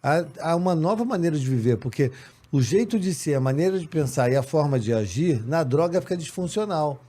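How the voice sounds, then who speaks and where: A man's voice: fairly high pitch, lively intonation, brisk, mellow. A man talking in a casual interview, sententious and fond of quoting popular sayings.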